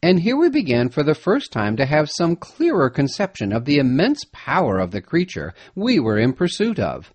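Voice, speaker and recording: A man narrating an adventure story in the first person, reading in an expressive, emphatic way. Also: on the high side, normal speed, hardly any pauses, dry recording. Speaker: audiobook narrator.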